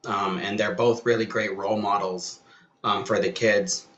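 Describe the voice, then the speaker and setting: A man moderates a panel in a bright, forceful voice pitched a little low, pausing often on "um". The room around him is echoey. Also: level tone, dull audio, a little hiss or hum. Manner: warm praise, hesitant, many "um"s. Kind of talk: panel discussion.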